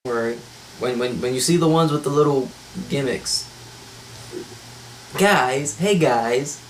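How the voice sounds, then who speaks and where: A man's voice: mid-range voice, slow pace. Man, podcast host, blunt, joking, voice call mic, faint background noise. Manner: blunt, wisecracking, runs the outro. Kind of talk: casual chat over a voice call. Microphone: voice call microphone.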